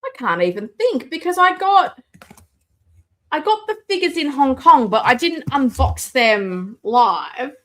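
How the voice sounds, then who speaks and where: Speaking a little slowly with big pitch swings and a somewhat bright sound, a woman hosts a live toy collecting stream. She chats, reads viewer comments aloud and unboxes a figure in a voice she calls booming. Her desk mic is occasionally moved away.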